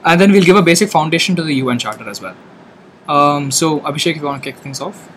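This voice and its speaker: A man's voice: fairly high pitch, lively intonation, fast, a bit bright, a little hiss or hum. A man hosting a discussion podcast, introducing guests and the agenda in an orderly way. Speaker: podcast host.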